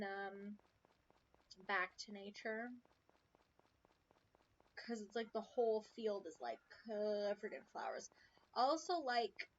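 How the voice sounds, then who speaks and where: A woman giving casual commentary on her own farming game stream, chatting to herself with muttered asides. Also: mid-range voice. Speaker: let's play streamer. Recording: slightly dull stream audio, faint hiss.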